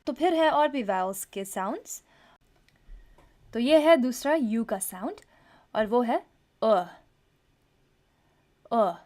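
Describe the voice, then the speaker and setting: A woman teaching English vowel sounds, slowly repeating each sound and example word. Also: a little high, animated, mellow. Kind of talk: pronunciation lesson.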